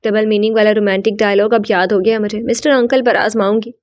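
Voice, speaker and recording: A woman's voice: medium pitch, steady tone, no room sound, close to an everyday voice. A cheeky young bride, read by a woman. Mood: playful. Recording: dull, slightly lo-fi.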